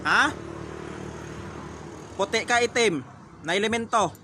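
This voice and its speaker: A folk healer, a man, interrogates a spirit with blunt, repeated questions. His voice sits high and rings bright and forceful. Faint outdoor noise and passing vehicles hum in the background. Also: slow pace. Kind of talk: confronting a spirit during a healing ritual.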